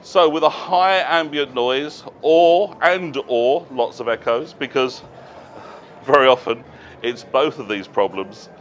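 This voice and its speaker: A man giving a live presentation to an audience at a trade show, explaining things plainly with casual asides and quick self-corrections. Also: medium pitch, fairly bright tone, a little hiss or hum. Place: noisy exhibition hall.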